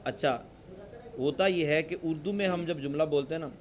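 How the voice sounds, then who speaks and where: A religious teacher with a Pakistani Urdu accent leads a classroom grammar lesson, drilling his students with repeated questions. His voice is on the high side, and crowd noise can be heard.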